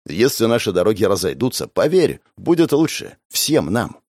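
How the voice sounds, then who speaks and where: A man's voice: fairly low pitch, sing-song, moderate pace, darkish tone, dry recording, studio quality. A man reading an audiobook, voicing a wary, cryptic man who gives terse warnings. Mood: guarded.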